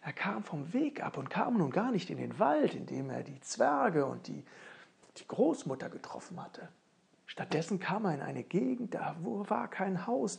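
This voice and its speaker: A woman telling a fairy tale, slowing down and dropping to whispers for suspense. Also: mid-range voice, creaky, a little mellow. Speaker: storyteller.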